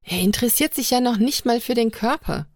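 A woman voicing a sharp-tongued young woman on a starship, speaking in a raised, mocking tone. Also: on the high side, brisk, no room sound, clean studio sound, pitched above the performer's own voice, lightly acted.

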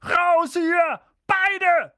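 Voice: high-pitched, huge pitch swings, takes it slowly, fairly bright tone, no echo, studio quality, pitched above the performer's own voice, heavily acted. A reader voicing a furious, blustering middle-aged uncle who barks his orders, raised well above their own narrating voice. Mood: angry shouting. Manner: barking, blustering.

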